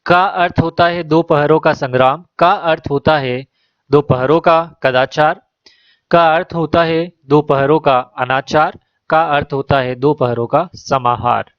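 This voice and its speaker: Male exam-prep teacher, fairly high voice, dry dull lo-fi sound, reads options then gives answers. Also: steady tone, measured pace, dry recording. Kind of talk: exam question walkthrough.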